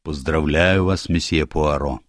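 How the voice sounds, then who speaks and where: A man's voice: measured pace, dry recording, studio quality. A man voicing a wealthy, businesslike middle-aged financier in a read-aloud story. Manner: businesslike, low-voiced.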